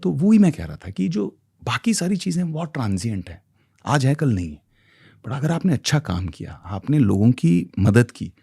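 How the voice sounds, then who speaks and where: A man's voice: mid-range voice, mellow, husky. A middle-aged man with an Indian accent, a podcast guest who talks expressively and switches between Hindi and English. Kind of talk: podcast conversation.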